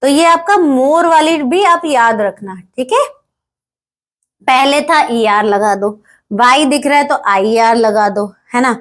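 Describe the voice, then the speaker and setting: High-voiced, unhurried woman teacher. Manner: explains step by step, often checks with "है ना?"; reads English example sentences slowly and deliberately. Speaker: English grammar teacher. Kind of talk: classroom grammar lesson.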